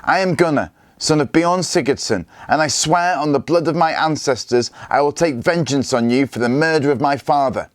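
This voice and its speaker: A man voicing an angry, defiant young Viking boy who shouts his words in a raised, strained voice. He reads this boy inside a storybook reading. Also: fairly high pitch, moderate pace, few pauses, dry recording, clean studio sound, voice pushed up, lightly acted. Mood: furious defiant. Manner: shouting in fury.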